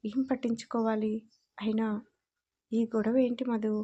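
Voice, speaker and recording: A woman voicing a stern, quick-tempered young husband who scolds with demanding questions in a storybook reading. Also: on the high side, flat delivery, warm tone, husky, muffled recording. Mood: angry.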